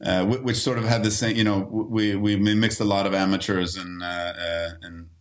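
A man's voice: low-pitched, little pitch movement, moderate pace. A man from Sweden in his thirties, an actor talking casually as a guest, with many restarts and fillers. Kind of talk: casual interview talk.

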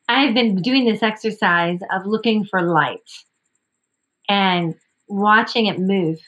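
A woman's voice: mid-range voice, slow, fairly bright tone. A woman, an opera singer and voice professor, chatting casually in an interview, upbeat and laughing often. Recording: dull lo-fi audio.

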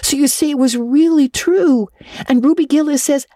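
Woman voicing Anne Shirley, a high-pitched, excitable girl. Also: normal speed, dry recording, studio quality, lightly acted. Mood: eager, earnest. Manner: breathless, earnest, dramatic. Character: imaginative, excitable, fearful young girl.

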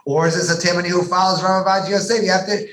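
A man's voice: sits high, level tone, racing, fairly bright tone. A man, a rabbi being interviewed, explaining at length in an emphatic way and often restarting his sentences. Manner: emphatic, with frequent restarts and repeated words. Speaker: rabbi, guest. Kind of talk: conversational explanation on a podcast. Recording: echoey room with faint background noise.

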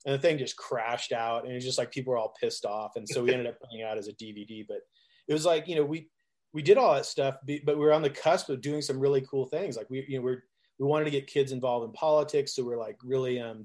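A man's voice: medium pitch, steady tone, quick pace, darkish tone. Laughing, rambling middle-aged male musician. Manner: rambling, laughs often, restarts, acts out quotes. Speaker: musician guest. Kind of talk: casual storytelling interview.

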